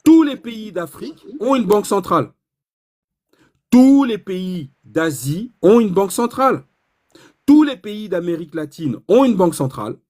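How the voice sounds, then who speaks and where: A man giving an informal economics lesson, animated and provocative, asking himself rhetorical questions. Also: high-pitched, normal speed. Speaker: economics explainer.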